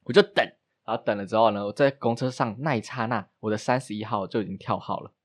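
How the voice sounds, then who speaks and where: A man co-hosting a casual podcast, telling a story and acting out his own thoughts in a raised voice. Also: fast. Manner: animated, acts out his own past thoughts in a high voice. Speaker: podcast co-host.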